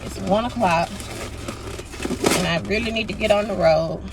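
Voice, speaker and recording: A young pediatric nurse who vlogs chats casually with her viewers while in the car and running errands, calling them y'all in a drawling, talkative way. Her medium-pitched voice, at normal speed, is stuffy and congested, and she sniffles. The recording is very noisy.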